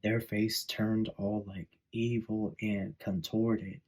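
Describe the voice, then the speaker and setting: Man, deep-leaning voice, tarot reading, loose chatty delivery, lots of "like" and "you know". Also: little pitch movement, takes it slowly, a little mellow, low-quality recording. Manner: rambling, filler-heavy storytelling. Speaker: tarot reader. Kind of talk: casual spoken tarot reading.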